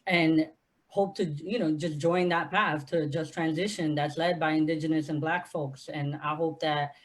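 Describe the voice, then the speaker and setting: A woman's voice: sits low, fairly even intonation, normal speed. Earnest woman from Honduras, panel organizer. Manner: earnest, impassioned advocacy. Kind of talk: panel discussion.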